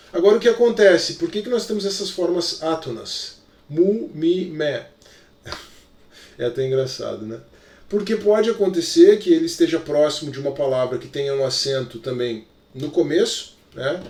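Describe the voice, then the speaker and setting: A man's voice: a little high, a little mellow. A male teacher with a Brazilian Portuguese accent, giving a recorded lesson in an explanatory way, full of little check-in fillers. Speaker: Greek teacher. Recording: echoey room, voice from far off.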